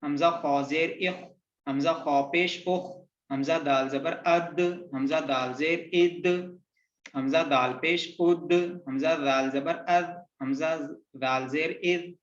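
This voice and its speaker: A man's voice: a little high, fairly even intonation, slow. A man teaching Quran reading, patiently drilling syllables one by one in a lesson. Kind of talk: slow recitation lesson, spelling out letter sounds. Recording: roomy, dull lo-fi sound.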